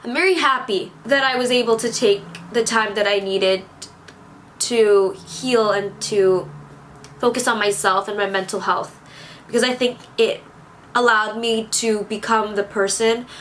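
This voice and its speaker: A woman's voice: fairly high pitch, steady tone, a little slow, fairly bright tone, slight background noise. Teary young woman rambling to camera. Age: 20s. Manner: tearful, rambling and self-reassuring. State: teary, on the verge of crying. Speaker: vlogger. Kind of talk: casual talking-to-camera vlog.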